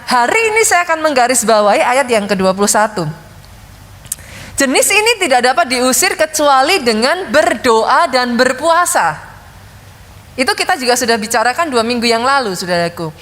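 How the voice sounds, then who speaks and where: A middle-aged woman pastor preaching a sermon to her congregation, telling lively stories and addressing them often. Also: sits high. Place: large church hall. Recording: long hall reverb.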